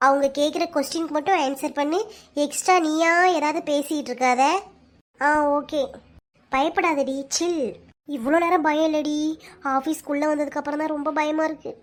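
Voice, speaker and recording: A woman with a Kanyakumari Tamil accent voicing quarrelling sisters and other characters in a cartoon, quick, scolding and teasing. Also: sits high, steady tone. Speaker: cartoon narrator and voice actor. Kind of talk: cartoon voice acting, all characters.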